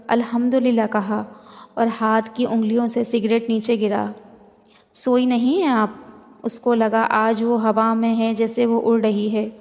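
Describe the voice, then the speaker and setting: A woman reading a romance novel aloud in a steady, even manner. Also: fairly high pitch. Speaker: novel reader. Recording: long hall reverb.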